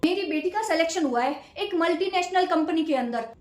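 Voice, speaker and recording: A woman's voice: very high-pitched, animated, brisk, faint music behind. A woman playing a stern, traditional middle-aged mother-in-law who scolds and lays down the household rules in a comedy skit. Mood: outraged. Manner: bossy, scolding. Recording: echoey room.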